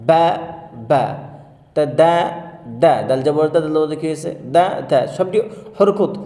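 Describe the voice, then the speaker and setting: A man's voice: a little high, mellow. A man giving a spoken lesson on reading Quranic letters, patiently drilling sounds and asking viewers to repeat. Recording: roomy hall with long echo.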